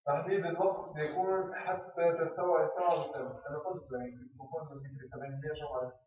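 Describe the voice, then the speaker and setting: Fast-talking Tunisian teacher, echoey room. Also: male voice, a little high, little pitch movement. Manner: quizzes the class with repeated questions. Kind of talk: classroom lesson. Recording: echoey, tinny, far from mic.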